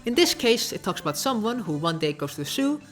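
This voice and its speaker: A woman's voice: medium pitch, big pitch swings, fairly quick, fairly bright tone, soft background music. A woman narrating a casual video essay with sarcastic, offhand asides.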